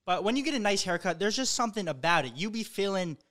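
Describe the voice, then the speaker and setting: Young male podcast co-host, higher register, slangy frat-bro banter. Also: animated, fast talker, fairly bright tone. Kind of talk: casual banter.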